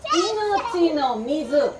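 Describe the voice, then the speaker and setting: This is a middle-aged woman from Japan telling folk tales interactively to children, her high voice swooping in a bright, playful sing-song. She goes slowly and clearly, encouraging the audience to echo words after her. Recorded from a distance over a noisy crowd, the sound is roomy and echoey with faint background noise.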